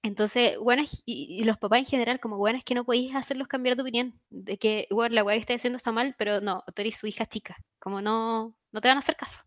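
A young Chilean woman chatting casually, slangy and expressive, often laughing. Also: on the high side, fast talker, few pauses, no echo, studio quality. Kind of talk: casual chat.

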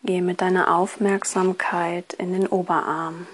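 A woman guiding a relaxation exercise in a soft, partly breathy voice, with a soothing, hypnotist-like delivery. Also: fairly low pitch, flat delivery, measured pace. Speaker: relaxation course instructor. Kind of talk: guided relaxation, scripted instruction.

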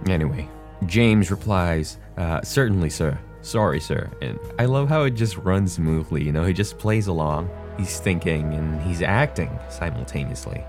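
A man's voice: low voice, animated, moderate pace, over music. A young man giving casual, joking film commentary, swearing freely and rambling with restarts.

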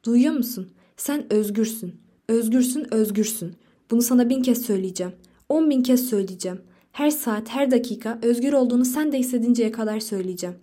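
A fierce young wife pleads and rages at full voice in a storybook reading, defiant and unwilling to back down, as a woman narrator puts her on. The tone is mellow and dark, and the delivery is loud and impassioned. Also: mid-range voice, steady tone, brisk, lightly acted. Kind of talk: audiobook reading.

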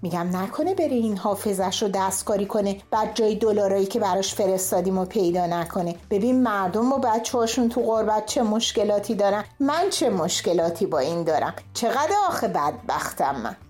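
A woman's voice: medium pitch, expressive, few pauses, a little mellow, faint music behind, lightly acted. A woman playing a fussing middle-aged wife and mother in a comic radio sketch, placating and doting. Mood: fussy. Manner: placating, fussy.

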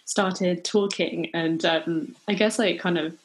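A young woman hosts a relaxed podcast chat in a fairly low voice. She talks in a loose, friendly way, filling her sentences with "like" and laughing easily. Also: slow. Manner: chatty, many "like" fillers, laughs easily. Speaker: podcast host.

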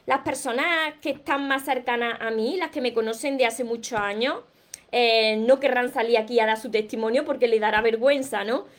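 A woman with a Peninsular Spanish accent hosting a live stream, answering viewers with earnest encouragement and often clearing her throat. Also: a little high, steady tone, moderate pace. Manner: earnest, encouraging, reads viewer comments aloud. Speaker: livestream host, self-help speaker. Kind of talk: live Q&A, motivational talk.

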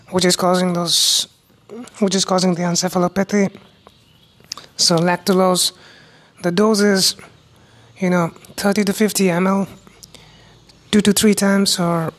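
This is a solo medical podcast hosted by a young, newly qualified doctor from India. Her medium-pitched, Indian-accented speech is hesitant, not very clear, and marked by many restarts.

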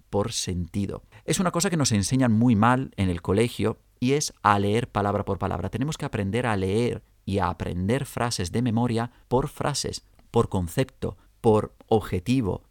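A man, an acting coach giving a clear, deliberate lesson on memorizing scripts to his students. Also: lowish voice, darkish tone, no echo, clean studio sound.

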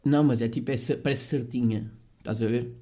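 A man's voice: mid-range voice, steady tone, brisk, warm tone. A young man with a European Portuguese accent, chatting casually in slang and repeating phrases for emphasis. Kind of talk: casual podcast chat.

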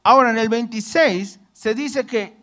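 A man's voice: extremely high pitch, normal speed, a bit bright. A man preaching a sermon. He reads a scripture passage, then explains it in a conversational way and keeps checking that his listeners follow.

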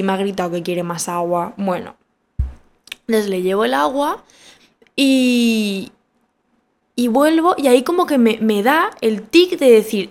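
A young woman in her twenties with a Spanish accent from Spain, hosting a podcast and telling a story in a casual, animated way with emphatic repetition. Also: a little high. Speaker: podcast host.

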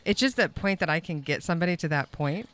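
A woman's voice: fairly low pitch, animated, quick pace, fairly bright tone. A woman co-hosting a casual podcast, laughing easily and agreeing readily. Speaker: podcast co-host. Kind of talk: casual chat.

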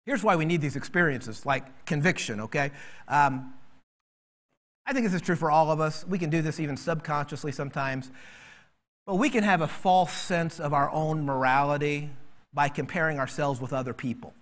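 A man preaching a sermon as pastor, animated and acting out quoted voices. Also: on the high side, moderate pace.

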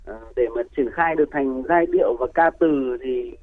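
A man's voice: medium pitch, normal speed. Man on a tinny phone-like radio line. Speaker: guest music producer and songwriter. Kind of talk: radio interview answers.

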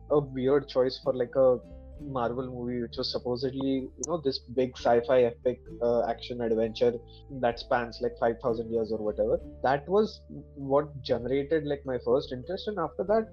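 A man with an Indian accent chatting casually as a podcast co-host, explaining films in a halting way full of fillers. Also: medium pitch, lo-fi sound. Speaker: podcast co-host and film reviewer. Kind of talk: casual chat.

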